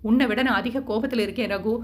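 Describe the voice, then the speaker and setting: Lady putting on a nasty gossipy aunt, fast mocking talk, story voice. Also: on the high side, close to an everyday voice. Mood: spiteful. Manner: taunting, rapid. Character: spiteful sharp-tongued middle-aged aunt.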